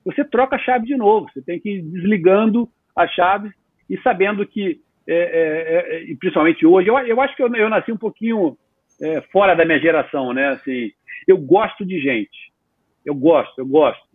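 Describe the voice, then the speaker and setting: A man in his fifties, a guest entrepreneur, talking in a casual, animated way with lots of slang in an interview. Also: high-pitched, moderate pace, husky, dry recording. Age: 50s. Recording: tinny phone-like line.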